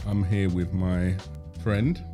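A young man with a South London accent hosting a casual podcast chat, chatty and quick to laugh at himself. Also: sits low, fairly even intonation, music in the background. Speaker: podcast host.

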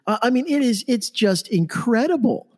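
A man's voice: very high voice, expressive, moderate pace, a little mellow. A man hosting a political talk show, speaking sarcastically and mocking his targets. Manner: sarcastic, mocking, acts out imagined quotes. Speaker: host.

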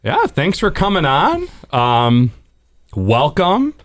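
A man's voice: fairly high pitch, wildly swooping pitch, slow pace, fairly bright tone, no echo, studio quality. A man hosting a casual movie podcast, jokey and playful, with his voice swooping up and down. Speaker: podcast host.

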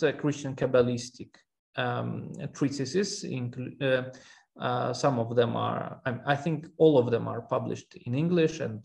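A man from Armenia, a historian guest in an interview, speaking haltingly with many fillers and restarts. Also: mid-range voice, gravelly, darkish tone. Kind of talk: academic interview.

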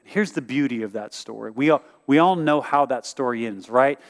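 A man preaching a sermon, telling the story in a lively way and acting out what people said. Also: medium pitch, brisk, long reverb tail. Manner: animated storytelling, acts out quotes. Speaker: pastor.

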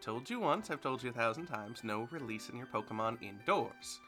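A woman's voice: rumbling low, expressive, normal speed, a bit bright, faint music behind. A game master doing a stern, prim mother. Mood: scolding. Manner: stern, scolding, formal. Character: strict motherly woman, Charlie's mom.

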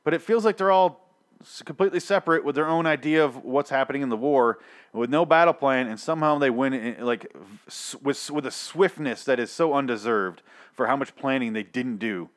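In a brisk, medium-pitched voice, a young TV show reviewer tears into an episode with an exasperated, profane rant. He restarts often and rambles off on asides while his voice grows worn and he loses it.

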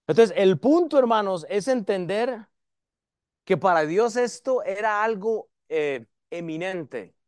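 High-voiced man preaching a sermon. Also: slow pace, dry recording, clean studio sound. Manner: lively preaching, varies loudness and pace. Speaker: pastor.

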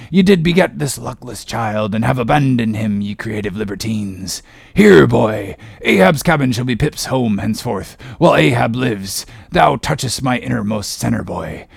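A man's voice: medium pitch, animated, moderate pace, no room sound, studio quality, heavily acted. A man playing a grandiose, brooding, tormented whaling captain in a dramatic audiobook, with archaic, commanding speech. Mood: anguished, tender. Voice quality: gravelly, husky. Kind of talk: dramatic audiobook character reading.

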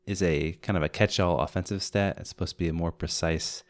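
Deep-voiced host explaining stats, dry sound. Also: male voice, fairly even intonation, no echo. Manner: explanatory, measured. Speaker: podcast co-host. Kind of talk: explaining stats in podcast chat.

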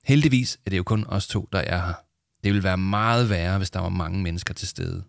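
A man's voice: low-pitched, gravelly, dry recording, studio quality. A man reading a storybook aloud, voicing an awkward, earnest schoolboy who talks stiffly and formally. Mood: eager. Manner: nervous, formal.

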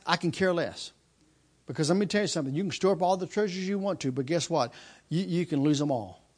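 A man in his mid-fifties preaches to his congregation, his voice sitting notably high for a man. He hammers his points with repetition, circling back on phrases and restarting sentences as he goes. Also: fast, darkish tone, husky. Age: 50s. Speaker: pastor. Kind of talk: sermon.

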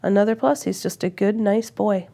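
A woman's voice: medium pitch, moderate pace, creaky, dark tone. Stuffed-up woman chatting casually. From Minnesota. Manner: chatty, rambling with restarts. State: stuffed up with a cold. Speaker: interviewee, van traveler and tattoo artist. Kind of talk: casual interview chat. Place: lodge room at a campground.

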